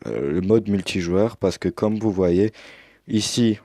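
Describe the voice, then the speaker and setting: A man's voice: low-pitched, a little slow, dark tone, no room sound, studio quality. A young man casually commenting as he unboxes a game edition, hesitant with many fillers, recorded on a headset mic. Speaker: unboxing youtuber.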